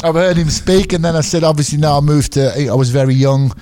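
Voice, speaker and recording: This man from England, an MMA referee and podcast co-host, speaks quickly in a mellow, somewhat high voice. He meanders through anecdotes on a casual podcast, frequently laughing and starting sentences over.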